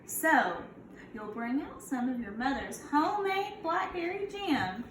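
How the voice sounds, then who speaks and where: In an echoey room with noticeable background noise, a high-voiced kindergarten teacher reads a picture book to young children. She is expressive and keeps a measured pace, guiding them instructively with questions.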